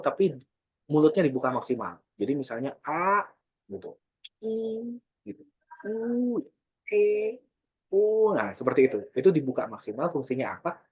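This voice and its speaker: A man speaks in a relaxed, chatty way during an online workshop, now and then acting out little example lines for his listeners. His voice is slightly husky, of middling pitch. The sound is dull and lo-fi, like audio from a video call. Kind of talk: casual online workshop talk.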